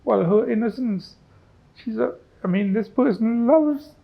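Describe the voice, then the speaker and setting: A man's voice: very high voice, unhurried, vocal fry, muffled recording. A man speaking reflectively in an interview, often adding little tag questions. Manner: musing, with frequent tag questions.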